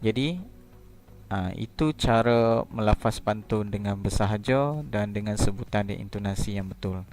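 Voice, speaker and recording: A man's voice: lowish voice, fairly even intonation, normal speed, darkish tone, soft background music. A man teaching a primary school lesson, explaining patiently step by step. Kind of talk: recorded classroom lesson.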